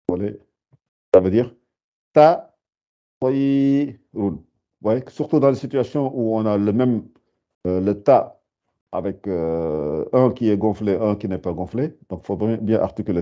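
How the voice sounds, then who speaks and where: A man teaching a beginners' lesson, patiently repeating words and sounding them out slowly. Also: on the low side, mellow. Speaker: Arabic teacher. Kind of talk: slow spoken lesson. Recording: dull lo-fi sound.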